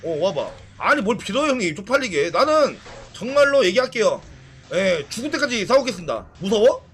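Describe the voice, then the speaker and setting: A man streaming a game live, excitable and trash-talking, swearing and bursting into shouts during fights. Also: high-pitched, brisk. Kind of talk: live game-play commentary.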